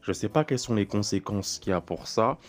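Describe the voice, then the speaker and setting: Chatty young man preaching, low voice. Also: expressive, brisk. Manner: rambling, repeats words and restarts phrases often; talks straight to the listener, casual and chatty. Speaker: preacher styling himself a prophet. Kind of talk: informal spiritual teaching and personal testimony.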